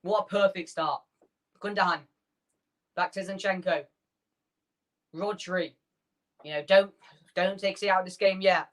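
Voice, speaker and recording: A man hosting a fan watchalong, calling the match player by player in quick bursts and chatting with his viewers between the action. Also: sits high, steady tone, a bit bright. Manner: rapid player-by-player calls, chatty asides to viewers. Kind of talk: live play-by-play fan commentary.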